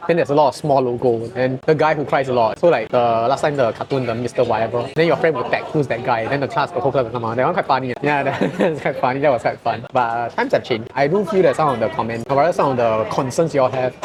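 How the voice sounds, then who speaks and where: A man with a Singaporean English accent talks fast and chattily over lunch. He tells stories as a tutor and host and laughs often. Loud restaurant chatter fills the background. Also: medium pitch. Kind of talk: casual chat over a meal. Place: buffet restaurant. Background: diners talking.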